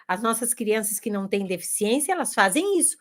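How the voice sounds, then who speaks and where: A woman's voice: medium pitch, sing-song, fairly quick, a bit bright. A woman giving a casual video lesson to teachers, demonstrating games to the camera and sounding out words. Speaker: teacher and educator. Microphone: camera facing her.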